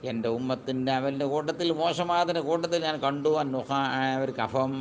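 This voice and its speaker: A man teaching a classical religious text, reading Arabic slowly and then explaining in quick colloquial speech. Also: medium pitch.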